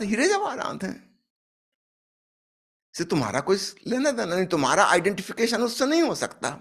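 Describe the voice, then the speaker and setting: Guy giving a spiritual talk, story-style, voice swings up and down a lot, a bit high. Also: fairly bright tone. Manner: storytelling, acts out dialogue, emphatic rises. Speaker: spiritual speaker. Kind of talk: spiritual discourse with a parable.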